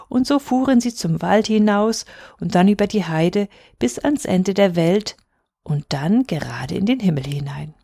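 A woman reading a fairy tale aloud in a calm, expressive way, sometimes dropping to a hush. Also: medium pitch, gravelly, no room sound, studio quality. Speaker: storyteller.

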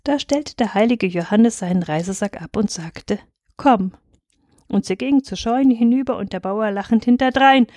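A woman reading a fairy tale aloud in a clear, measured storytelling voice. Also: a little high, a little mellow, no echo, studio quality. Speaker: reader.

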